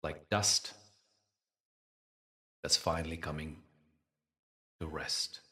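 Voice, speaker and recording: In a low voice, a man leads a meditation at a very slow, deliberate pace, pausing between phrases with a calm, instructive tone. The mic seems set back from him, and the sound is pushed and bright.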